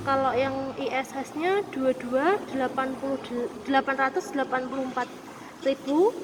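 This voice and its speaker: A woman's high-pitched voice rings in a reverberant space over clear noise. She speaks as a salesperson, in a courteous, formal customer service manner. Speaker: motorcycle showroom salesperson. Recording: reverberant, noisy room with vehicle sounds.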